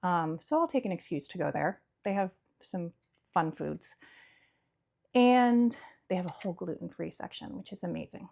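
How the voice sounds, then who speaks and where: A woman's voice: on the low side, lively intonation, normal speed, creaky, warm tone. A young woman chatting casually about her crochet projects, rambling and giggly, often correcting herself. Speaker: crochet vlogger and small business owner. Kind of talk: casual chat.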